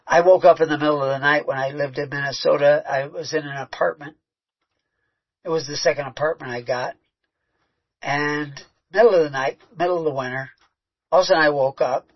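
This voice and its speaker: A man's voice: fairly high pitch, slightly rough. A man preaching a sermon, mixing scripture with a conversational personal story and frequent restarts. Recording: muffled, lo-fi recording.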